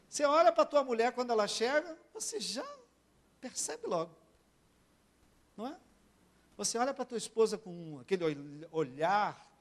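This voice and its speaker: A high-pitched man preaches slowly and deliberately, as a pastor giving a sermon in church. He drops to near-whispers, then climbs loud again, and keeps calling on his listeners to say amen. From Brazil. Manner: keeps asking the congregation for amens, swings between soft and loud.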